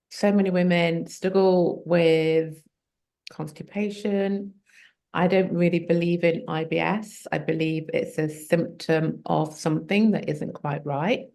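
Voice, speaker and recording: A woman, a health coach as guest, explaining at length in a relaxed conversational way with many fillers. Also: deep voice, vocal fry. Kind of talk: conversational interview.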